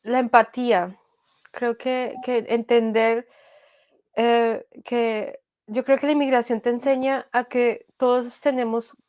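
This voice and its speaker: Thoughtful Colombian woman, higher voice. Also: darkish tone, smooth, dry recording. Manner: thoughtful, many restarts and fillers. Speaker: podcast creator, interview guest. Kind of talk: casual interview conversation.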